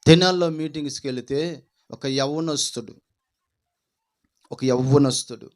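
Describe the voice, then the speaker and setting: A man's voice: a little high, a little slow. A man preaching a fervent sermon as pastor, repeating his phrases and calling out hallelujah.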